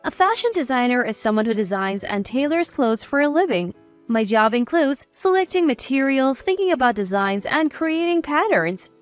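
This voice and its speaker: A woman in her sixties telling a first-person story in a measured, confiding way. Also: high-pitched, big pitch swings, soft background music. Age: 60s. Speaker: narrator.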